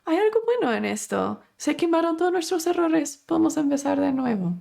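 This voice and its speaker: A man's voice: sits high, measured pace, gravelly. A woman voicing a man, an upbeat inventor speaking to his staff with cheerful resolve.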